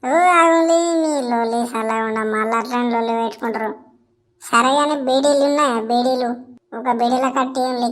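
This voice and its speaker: A woman voicing a grumbling old village elder man with a Telangana Telugu accent who scolds two quarrelling neighbours in drawn-out tones. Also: on the high side, natural voice. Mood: cadging. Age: older. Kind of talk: village comedy skit.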